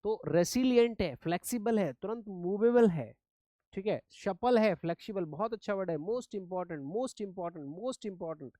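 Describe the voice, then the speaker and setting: A man's voice: high-pitched, lively intonation, unhurried, dark tone, no echo. A man from India teaching English vocabulary in Hindi, who repeats each word and gives memory tricks. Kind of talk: vocabulary lesson.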